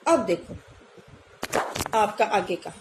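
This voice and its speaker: A woman's voice: medium pitch, expressive, takes it slowly, noisy background. A woman school teacher giving a recorded class lesson, explaining patiently and often checking that the pupils follow.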